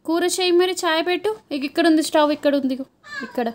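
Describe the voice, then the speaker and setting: A woman's voice: very high-pitched, quick pace, a little hiss or hum. A mother with a Telangana Telugu accent filming her toddler at home on a phone, coaxing and teasing the child in playful sing-song baby talk. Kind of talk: home video chatter with a small child.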